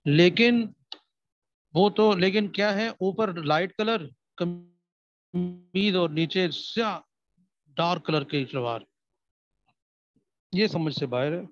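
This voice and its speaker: A man's voice: high voice, pauses often. A man teaching a recitation class, asking his students questions, repeating them and answering them himself. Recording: dry, slightly dull sound.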